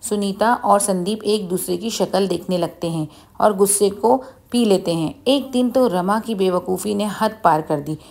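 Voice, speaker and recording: A woman narrating a family moral story in a plain, steady storytelling voice. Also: mid-range voice, normal speed, vocal fry.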